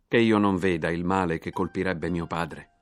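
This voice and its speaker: A man's voice: low-pitched, fairly even intonation, normal speed, close to an everyday voice. A man reading aloud as a brother earnestly begging to take another's place. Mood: pleading. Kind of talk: scripted reading.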